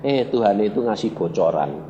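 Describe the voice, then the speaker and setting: A male pastor preaches in a big church hall. His pitch swings widely as he tells stories and fires questions at the congregation. A long hall reverb and faint background noise surround his voice. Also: fairly quick, muffled recording. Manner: animated storyteller with wide pitch swings, asks the congregation questions. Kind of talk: lively preaching sermon.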